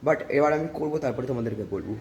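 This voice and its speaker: A man's voice: mid-range voice, expressive, fast talker, darkish tone, highs cut off, a little hiss or hum. Rambling young man vlogging from home. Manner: rambling, mixes English fillers like "so ya" and "like". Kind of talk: casual vlog chat. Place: walking around his home.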